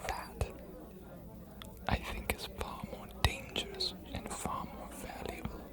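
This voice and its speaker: A woman voicing a scholarly ancient vampire archivist in an ASMR fantasy roleplay, cryptic and inviting, hushed and deliberate with weighty pauses. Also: lightly acted. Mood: cryptic, encouraging.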